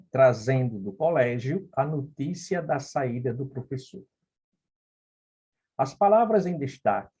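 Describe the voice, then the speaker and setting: Guy teaching grammar slow, husky voice, dull lo-fi audio. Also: medium pitch, dark tone. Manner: explanatory, checks in with frequent "ok?" and "beleza?". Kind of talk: recorded phonetics lesson solving exam questions. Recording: dull lo-fi recording.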